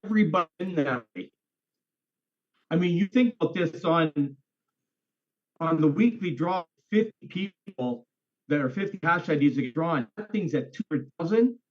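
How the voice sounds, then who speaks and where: An enthusiastic man with a voice on the high side asks questions on an online group call, speaking animatedly at a moderate pace and repeating himself for emphasis. He comes through a computer or phone on a bad, breaking-up internet connection, and the audio is dull and lo-fi.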